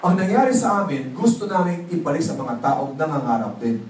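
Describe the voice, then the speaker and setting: A man's voice: a little high, a little fast. A man giving a motivational business seminar talk, prompting the audience to answer and mixing in English phrases. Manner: animated, prompts audience call-and-response. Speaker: seminar speaker. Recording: echoey hall, voice from far off, faint noise.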